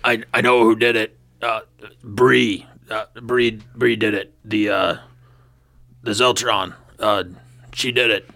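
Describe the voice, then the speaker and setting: A man's voice: medium pitch, vocal fry, sharp tone, husky, exaggerated voice. A man voicing a panicked character who stammers and pleads, shifting the blame in a tabletop game. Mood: pleading. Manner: stammering, halting, with coughs.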